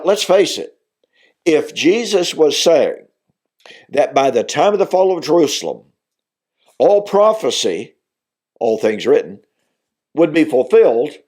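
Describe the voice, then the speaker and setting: In this Bible teaching monologue, an older minister addresses a video audience with a slightly high, slightly mellow voice. He is recovering from voice loss, so it sounds weakened, yet he stays earnest and grows more forceful on important points.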